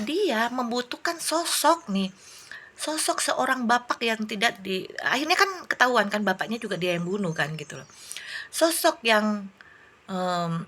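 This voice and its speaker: A woman gives an unscripted review in a crisp, forward tone. She meanders, backtracks and hunts for her words. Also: mid-range voice, a bit bright. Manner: rambling, searching for words with many restarts. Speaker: host reviewing a film. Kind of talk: casual spoken review with religious reflection.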